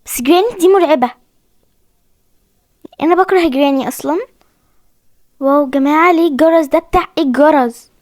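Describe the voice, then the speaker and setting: A woman's voice: high voice, quick pace, long pauses, a little mellow, dry recording, clean studio sound. A young woman with an Egyptian accent, chatting to viewers as she plays a horror game and keeps saying how scared she is. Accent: Egyptian Arabic. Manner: chatty, talks to viewers while playing, often frightened. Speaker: gaming video host. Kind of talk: casual game commentary.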